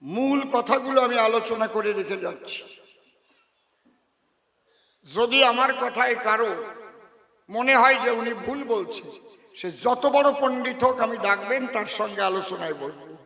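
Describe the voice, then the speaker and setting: A man's voice: very high voice, moderate pace, sharp tone, reverberant, in a large hall. A man with a giving a combative, defiant folk-song discourse on stage, breaking into sung lines and chanted calls. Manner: combative, defiant, challenges scholars. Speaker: kabigaan folk singer and preacher. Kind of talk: stage kabigaan discourse, preaching to a crowd.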